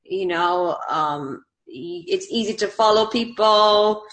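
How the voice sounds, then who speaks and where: Slow and slightly bright, her mid-range voice carries a Bulgarian accent. The speaker, an online community manager from Bulgaria, chats casually in an interview, bubbly and laughing often among fillers.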